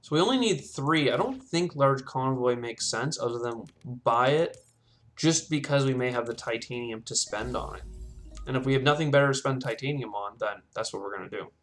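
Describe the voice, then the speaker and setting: Speaking at a moderate pace in a medium-pitched, fairly bright voice, a man casually comments on his own game as he plays. He thinks aloud and talks himself through each choice, let's-play style.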